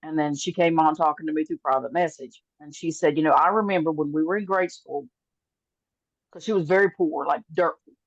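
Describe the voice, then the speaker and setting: Podcast co-host, woman, fairly low voice, anecdote-driven, dull recording. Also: a little fast, dry recording. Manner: warm storyteller, acts out voices in anecdotes. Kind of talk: casual faith chat, storytelling. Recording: dull, slightly muffled sound.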